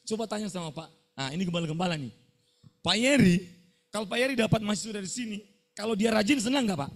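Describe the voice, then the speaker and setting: A man's voice: high voice, fast talker, gravelly. A middle-aged male pastor, preaching a scolding sermon to students and firing call-and-response questions at them.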